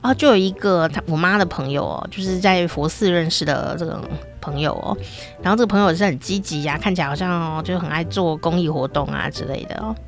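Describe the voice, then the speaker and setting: A woman's voice: on the low side, fast, soft background music. A middle-aged woman telling a comic personal story in a chatty, playful way, with many sentence-final particles. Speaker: storyteller host.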